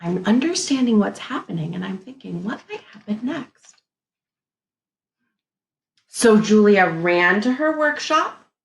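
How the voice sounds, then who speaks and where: With a medium-pitched voice touched by vocal fry, a teacher reads a picture book to a group of young children in an echoey room. She reads expressively and deliberately, pausing now and then to wonder aloud.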